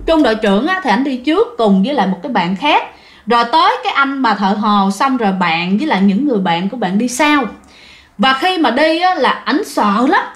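A woman narrates a ghost story in a casual, chatty manner. Her voice sits high, and she keeps turning to address her listeners directly.

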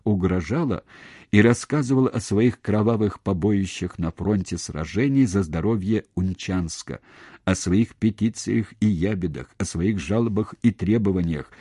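A man reading a novel aloud as an audiobook narrator, measured and expressive. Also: on the low side, breathy edge, dry recording, studio quality. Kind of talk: scripted narration.

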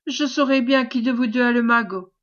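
An enraged, broke former soldier who shouts and hurls insults, as a woman reader puts him on. He pushes louder and higher when he accuses. The storybook audio is dull and lo-fi. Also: brisk, lightly acted. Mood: insolent. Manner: shouting, insolent. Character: furious penniless man, a bitter ex-soldier.

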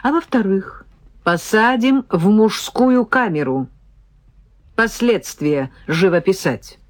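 A woman's voice: medium pitch, lively intonation, slow pace, voice pushed up. A woman reading a mockingly sweet young detective. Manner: mockingly gentle, drawling. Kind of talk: audiobook character reading.

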